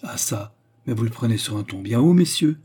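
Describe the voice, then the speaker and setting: A man's voice: mid-range voice, expressive, brisk, warm tone, slightly rough. A man voicing Beausire, a flustered host who protests and grows angry with his unwelcome guests, in a storybook reading. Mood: indignant. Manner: protesting, rising to anger.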